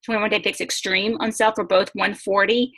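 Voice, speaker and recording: An upbeat woman talks through a casual online presentation, chatty and quick to laugh. Her pitch sits in the middle range, and she is heard through a video-call mic. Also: level tone, fairly bright tone. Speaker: host.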